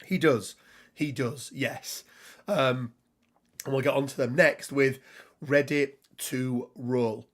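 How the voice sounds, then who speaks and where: A man's voice: medium pitch, fairly even intonation, slow pace, fairly bright tone. A man hosting a casual tabletop game talk, rambling and laughing as he reads card text, his voice a little worn. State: slightly losing his voice. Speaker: podcast host.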